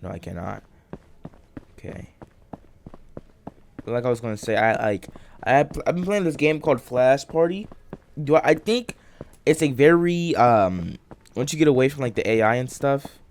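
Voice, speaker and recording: A young man with a groggy morning voice giving rambling, halting commentary while playing a game, full of fillers and restarts. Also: mid-range voice, expressive, slight background noise. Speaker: gaming channel host. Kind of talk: casual let's-play commentary.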